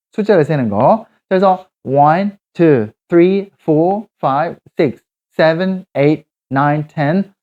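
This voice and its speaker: Brief: patient man teaching children, animated pitch, muffled lo-fi sound. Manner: patient, explains slowly, checks in often with the kids. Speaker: children's church English teacher. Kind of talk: explaining Bible verses to children.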